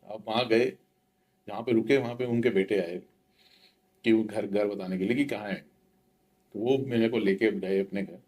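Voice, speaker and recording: A man's voice: lowish voice, steady tone, normal speed, long pauses, darkish tone. A middle-aged man, earnestly telling a devotional story and mixing in English words. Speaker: devotee sharing his experience. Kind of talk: spoken devotional testimony.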